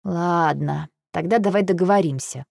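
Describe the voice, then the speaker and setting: A woman reading a first-person audiobook, lively and exasperated in her delivery. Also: lowish voice, moderate pace, gravelly, dry recording, studio quality. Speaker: audiobook narrator.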